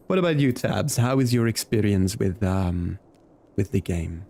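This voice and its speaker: Talking straight to his chat in a friendly way, a male streamer thinks aloud while offering casual gameplay commentary. His voice is lowish, expressive, creaky and mellow, and he takes it slowly over a little hiss or hum.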